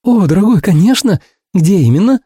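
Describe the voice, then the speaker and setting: A man's voice: animated, normal speed, warm tone, breathy edge, dry recording, studio quality. A man voicing a chattering young woman in an audiobook, piercing and effusive, showering endearments. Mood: gushing. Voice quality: piercing shrill voice. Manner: effusive, sprinkles every phrase with endearments. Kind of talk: audiobook character voice.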